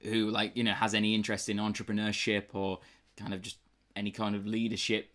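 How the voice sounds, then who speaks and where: This young British man co-hosts a book review podcast, and his voice is fairly low, monotone and fairly bright, delivered fast. He talks casually and rambles, full of fillers and restarts.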